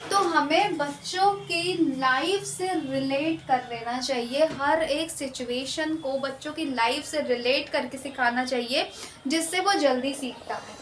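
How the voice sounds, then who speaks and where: A woman teacher with an Indian accent, giving an exam-prep lecture and slowly explaining key terms, repeating them and mixing in English words. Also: sits high, a bit bright, roomy sound, slight background noise.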